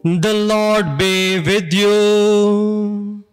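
High-voiced man reading in a cathedral echo. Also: little pitch movement, smooth, faint music behind. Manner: slow, measured, solemn delivery. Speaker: priest or deacon. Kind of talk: liturgical gospel reading. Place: large church. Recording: long church reverb, distant mic.

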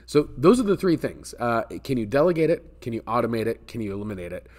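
Talking casually to camera from an office with a metal ceiling and glass garage door, this American man in his forties offers business advice. His medium-pitched voice is sing-song, quick and slightly mellow, and he explains things conversationally, repeating words to stress them.

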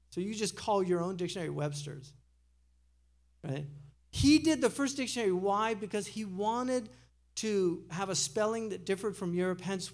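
A man giving a casual, digressive public lecture, talking conversationally and chuckling now and then. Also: high voice. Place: lecture hall.

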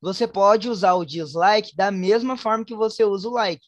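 A woman with a Brazilian Portuguese accent, teaching an online English class, switching between Portuguese and slowly spoken English examples. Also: medium pitch, no echo. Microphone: online class headset or computer mic.

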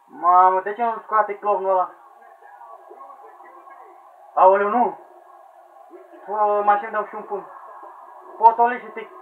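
A man giving excited gameplay commentary, yelling at characters, pleading with them and laughing as the match goes on. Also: sits high, pauses often. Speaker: gamer commentating own play. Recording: tinny lo-fi sound with faint hiss.

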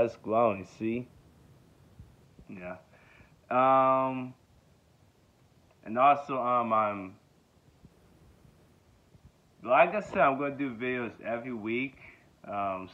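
A young man in his twenties from Georgia talks about himself in a loose, rambling vlog, circling back with fillers and repeated yeahs. His voice sits a little low. The sound is narrow and tinny, like a phone line, recorded close up in a small bedroom. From Georgia, USA. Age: 20s. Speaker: vlogger. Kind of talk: casual self-introduction vlog. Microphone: phone held close at arm's length.

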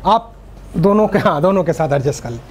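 A middle-aged Indian man with an Indian accent, giving a lively public speaking workshop to a live audience, mixing Hindi and English and joking with the crowd. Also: on the high side, fairly quick, husky. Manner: energetic, directs the audience, jokes. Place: seminar room with live audience.

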